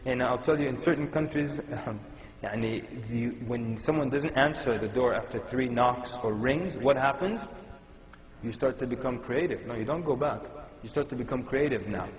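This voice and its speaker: A man's voice: medium pitch, moderate pace. A man from Sudan giving a conversational, humorous Islamic lecture to a live audience. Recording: echoey hall with long reverb.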